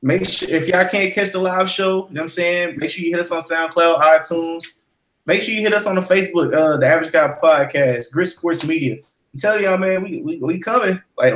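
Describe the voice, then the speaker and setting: A man co-hosting a podcast, rambling in a relaxed way with shout-outs and fillers in casual chat. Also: a little high, echoey room. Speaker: podcast co-host.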